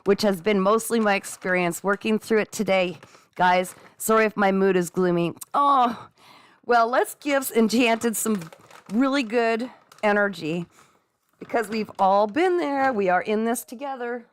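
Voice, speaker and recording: A woman's voice: medium pitch, measured pace, clean tone, dry recording. A middle-aged woman hosting a casual live stream from home, reading viewer comments aloud and cheering viewers on in a chatty way. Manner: chatty and encouraging, frequent laughs, talks straight to viewers as "guys". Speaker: livestream host and psychic reader. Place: at home with her dogs.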